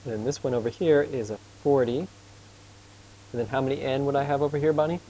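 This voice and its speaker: Gravelly-voiced man tutoring math. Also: medium pitch, fairly even intonation, dark tone, slight background noise, low-quality recording. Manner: casual and patient, quizzes his student, admits he talks fast. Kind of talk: informal tutoring lesson.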